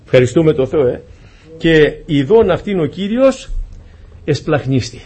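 Husky man preaching a sermon. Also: on the high side, expressive, mellow. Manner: earnest, pleading, asks the congregation questions.

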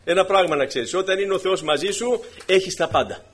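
A man preaching a sermon to his congregation, swinging from quiet explanation to emphatic, raised exhortation. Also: high voice. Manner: preaching with emphatic rises and drops, addressing brothers.

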